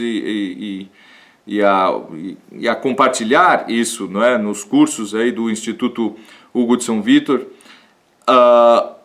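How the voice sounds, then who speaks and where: A man gives a live-streamed lecture. His voice sits at an ordinary middle pitch. He thinks aloud, often restarting sentences and adding tag questions. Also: fairly bright tone. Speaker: lecturer on classical rhetoric.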